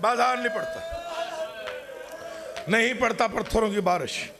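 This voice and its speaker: A middle-aged man, chanting a mourning sermon from a pulpit in a sung, wailing style that rises to shouts. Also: high voice, over music. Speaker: zakir reciting at a mourning gathering. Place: mourning assembly, speaking from a pulpit.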